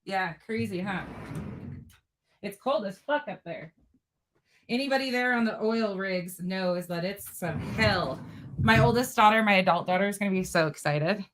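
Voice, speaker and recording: A rough recording with a little hiss or hum captures a middle-aged woman from North Dakota hosting a casual livestream. She speaks at a moderate pace in a mid-range voice with a light North Dakota accent, reading comments in a blunt, profane, animated way.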